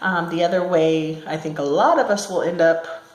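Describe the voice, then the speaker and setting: A woman's voice: on the low side, moderate pace. A woman chatting casually to her viewers from a small room at her workplace, with an echoey room sound and many ums and self-corrections. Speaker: vlogger. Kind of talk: casual talk to camera.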